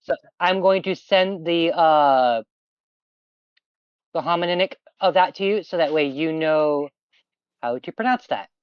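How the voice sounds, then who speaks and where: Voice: mid-range voice, measured pace, pauses often, clear, resonant tone, no room sound, highs cut off. A game master explaining options to a player in a casual, rambling way, with plenty of fillers. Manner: explanatory, chatty, lots of fillers. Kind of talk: running a tabletop game on stream.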